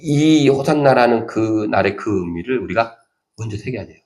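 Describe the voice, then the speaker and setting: A man's voice: fairly low pitch, moderate pace. A man preaching a sermon as pastor, talking animatedly and acting out the lines he quotes. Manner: animated, acts out quoted speech. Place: church sanctuary. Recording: echoey church hall.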